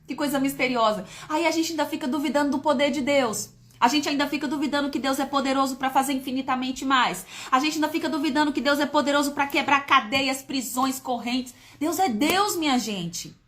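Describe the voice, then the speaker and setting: A woman's voice: sits high, fairly bright tone. A woman hosting a casual devotional live stream, reading scripture with emotional exclamations and calling out her viewers by name. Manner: sings hymn verses slowly. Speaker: Bible study host on a live stream. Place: apartment.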